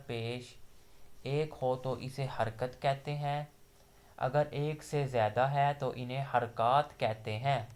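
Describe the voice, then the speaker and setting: A man's voice: mid-range voice, smooth. Patient male tajweed teacher. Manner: patient, repeats letters slowly with drawn-out demonstration syllables. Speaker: Quran recitation teacher. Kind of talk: online tajweed lesson.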